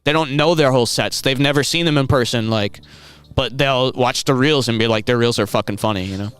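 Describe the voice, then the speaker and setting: A man's voice: mid-range voice, fairly quick, fairly bright tone, smooth. A young man from Massachusetts, a guest on a casual podcast livestream, speaking laid-back and swearing freely.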